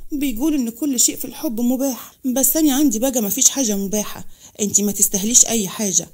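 A woman's voice: a little high, dark tone, natural voice. A woman voicing a bitter young husband who speaks coldly. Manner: cold, scornful.

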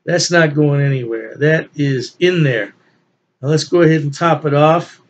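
A man in his sixties hosts a beer review channel from a small room at home, talking casually to the camera. His voice sits fairly high and moves at a moderate pace, and the recording sounds muffled. He's enthusiastic and emphatic, often repeating phrases to drive a point home.

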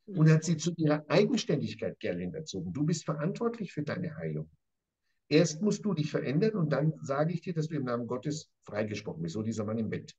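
A man's voice: mid-range voice, big pitch swings, a little fast, a little mellow, slightly rough, muffled recording. A man lecturing as a professor on a Bible passage, emphatic and repetitive, often turning to his interviewer by name. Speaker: professor teaching scripture. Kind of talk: animated conversational Bible lesson.

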